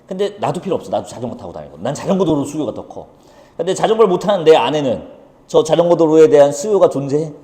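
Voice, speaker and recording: A man's voice: fairly high pitch, animated, dark tone. Blunt, teasing Korean male teacher. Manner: blunt and teasing, swears at students; asks quick rhetorical questions. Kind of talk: lively lecture. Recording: echoey room with long reverb.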